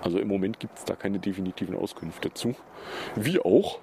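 A man's voice: low-pitched, normal speed, noisy background. A man hosting a casual personal podcast, talking in a chatty, rambling way with many fillers and self-corrections. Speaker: podcast host.

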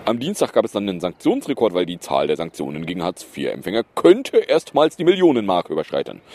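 A man's voice: lowish voice, a little mellow. A man hosting a podcast, reading news items and adding sarcastic, mocking asides in a loose, hesitant way. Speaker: podcast host.

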